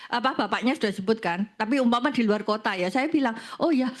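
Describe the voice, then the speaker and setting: Woman financial planner chatting as a guest, bit high voice, animated storyteller, laughs a lot. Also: fast. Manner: animated anecdotes, laughs often. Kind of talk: conversational storytelling.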